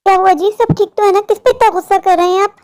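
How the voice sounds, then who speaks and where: A rich man's wife from a cartoon, fussing over her husband, voiced by a woman. She speaks in a very high voice, gently concerned. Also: fairly even intonation, fast talker.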